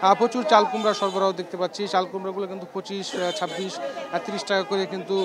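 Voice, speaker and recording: A man with a high voice reports live from a bustling outdoor market. He talks quickly and pads his lines with hesitations, and a loud crowd chatters all around him. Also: little pitch movement, over loud music. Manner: fast, filler-heavy live reporting. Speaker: field reporter. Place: busy outdoor wholesale market. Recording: noisy crowd around the field mic.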